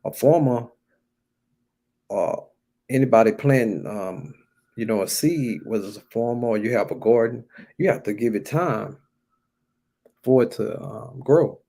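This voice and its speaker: An American man preaches in an unhurried, colloquial manner, his mid-range voice dark and marked by vocal fry. He pauses often and exhorts his listeners, repeating and stressing the phrases that matter most.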